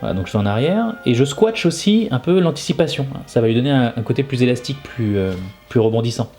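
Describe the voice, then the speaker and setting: A man's voice: medium pitch, expressive, quick pace, a little mellow. Informal man teaching, faint music behind. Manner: informal, explanatory, frequent tag words. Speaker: animation teacher and video host. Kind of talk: casual explanatory video lesson.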